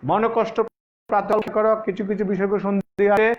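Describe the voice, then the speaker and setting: A male teacher giving a classroom grammar lesson, speaking slowly and repeating terms to stress what comes up in exams. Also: sits high, little pitch movement, highs cut off. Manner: slow, repeating terms and stressing exam points. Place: classroom, moving about the board.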